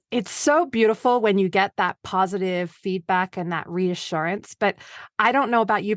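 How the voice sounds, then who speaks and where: A woman's voice: mid-range voice, no echo, clean studio sound. A woman hosting a podcast interview, chatty and enthusiastic as she asks her guest questions. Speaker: podcast host.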